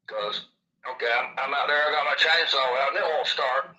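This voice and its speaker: A man's voice: mid-range voice, normal speed, pushed and bright, highs cut off. A man with a lisp from missing upper teeth, telling his story in a casual, rambling way. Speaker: interviewee recounting his own experience.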